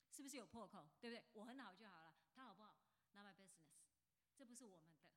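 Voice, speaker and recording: 50s lady pastor preaching, chatty, keeps asking the crowd stuff, big echoey church hall. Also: mid-range voice. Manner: chatty, animated, asks the congregation questions. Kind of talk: sermon. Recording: long hall reverb.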